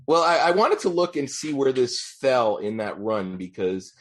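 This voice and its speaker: A man in his forties, a podcast guest, talking casually with many ums and pauses. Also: medium pitch, big pitch swings. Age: 40s. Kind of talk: casual chat.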